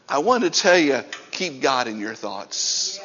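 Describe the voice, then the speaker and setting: A man preaching a sermon in a church, emphatic and at times close to shouting. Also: medium pitch, very animated, unhurried. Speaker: pastor. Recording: dull lo-fi sound in a reverberant hall.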